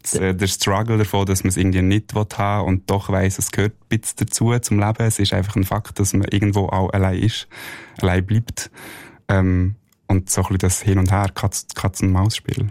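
Deep, flat-voiced Swiss German musician. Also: male voice, brisk, no room sound. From Switzerland. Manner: reflective, hesitant, laughs softly. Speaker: musician guest. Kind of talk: radio interview.

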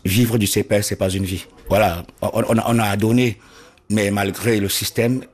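A man from Cameroon, interviewed about his situation, speaking earnestly and haltingly, often repeating words as he searches for them. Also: lowish voice, steady tone, a little mellow. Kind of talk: interview testimony.

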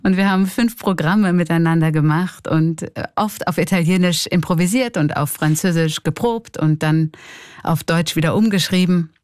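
Swiss german woman, middle-aged clown, candid reflective talk, lowish voice, dry close sound. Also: moderate pace, a little mellow, dry recording. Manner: reflective, candid, laughs often. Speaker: clown and comedian. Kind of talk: reflective interview monologue.

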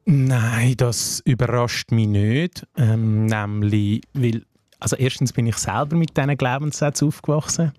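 A young man who grew up in Switzerland after coming from Afghanistan, speaking with a Swiss German accent as an interview guest, earnest and measured, often breaking in with "hey" asides. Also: mid-range voice, darkish tone, no room sound, clean studio sound. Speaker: social worker, interview guest. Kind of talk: reflective interview talk.

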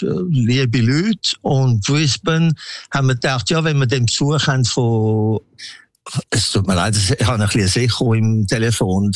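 A Swiss man in his sixties, speaking with a Swiss German accent, recounts his life story as an interview guest in a halting, anecdotal manner. His mid-range voice is recorded dry.

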